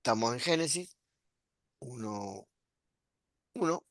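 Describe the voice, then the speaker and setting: A middle-aged man explains Hebrew grammar at an unhurried, deliberate pace. He keeps checking in with quick questions to his listeners. The sound is dry and close, with no room around it. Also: mid-range voice, expressive, a bit bright, no echo. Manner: patient, explaining step by step with frequent "¿sí?" and "¿ves?" checks. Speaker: Hebrew teacher. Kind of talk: classroom grammar lesson.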